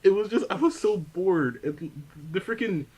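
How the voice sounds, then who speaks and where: A young podcast co-host with a high, expressive, darkish voice talks at normal speed in a casual movie discussion, exasperated and swearing while leaning on "like" to retell scenes. The recording is low quality with slight background noise.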